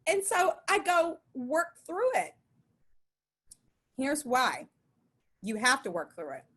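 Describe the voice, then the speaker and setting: A middle-aged woman preaching a sermon in a conversational, emphatic and animated way. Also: high voice, a little slow, slightly rough.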